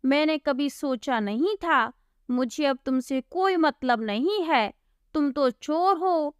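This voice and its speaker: A woman's voice: sits high, slow, dry recording, clean studio sound. A woman voicing Jaggi, a sly, scheming young man who plays the innocent friend and talks smugly. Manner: smug, mock-innocent.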